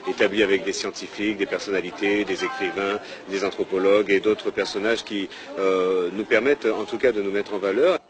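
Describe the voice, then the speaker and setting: A man interviewed for a report, explaining in a measured way. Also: on the low side, steady tone, music in the background.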